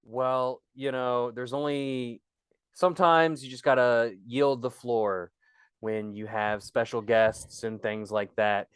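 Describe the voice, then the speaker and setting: A woman's voice: takes it slowly, smooth, dry recording. A woman hosting a podcast, jokey and playful in casual chat. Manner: jokey, lively pitch. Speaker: podcast host.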